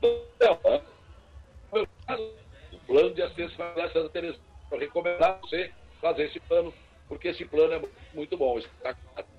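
A man calling in to a live radio show over a phone line that keeps breaking up, so his words come out halting and repeated. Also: on the high side, faint music behind. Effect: phone line breaking up and cutting out. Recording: muffled, cutting-out phone call.

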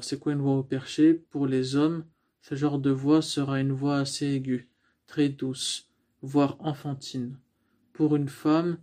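This man's voice is medium in pitch with a dark tone. He's a speaking coach explaining, one step at a time, how the voice is used in communication, often restarting and leaning on fillers.

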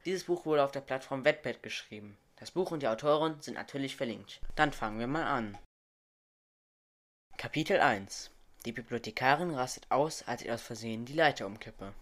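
A man narrating a story chapter aloud, reading lively and raising his voice for the characters. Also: mid-range voice. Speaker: audiobook narrator.

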